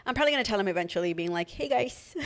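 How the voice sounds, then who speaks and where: A woman's voice: on the low side, lively intonation, rapid-fire, noisy background. Chatty woman with a slight lisp. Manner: chatty, lots of "like" fillers. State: slight lisp from new dental aligners. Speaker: podcast co-host. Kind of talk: casual chat.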